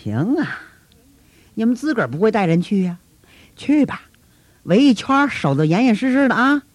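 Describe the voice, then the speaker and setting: A man's voice: sits high, very animated, moderate pace, no room sound, voice pushed up. A man voicing a scornful, impatient Roman governor who mocks with curt questions. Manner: mocking, curt, rising sarcastic questions.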